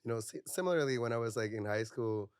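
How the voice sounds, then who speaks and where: A young adult counselor from Puerto Rico appears as a podcast guest, speaking candidly in a reflective, soft-spoken way and sprinkling in "like" and "you know." His mid-range voice is expressive, fast, clear, and resonant, captured in clean studio sound with no room sound.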